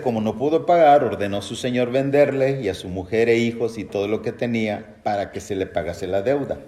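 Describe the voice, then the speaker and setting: A man's voice: fairly low pitch, a little mellow. A man teaching a Bible study lesson, asking the class questions and reading scripture aloud. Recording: echoey room.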